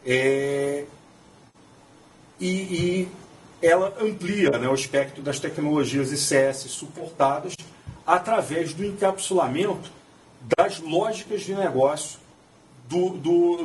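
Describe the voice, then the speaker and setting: A man's voice: a little high, slow, slight background noise. A man with a Brazilian Portuguese accent giving a technical conference talk, hesitant and full of fillers and restarts. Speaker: conference presenter. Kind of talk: technical presentation. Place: auditorium. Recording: distant mic in auditorium.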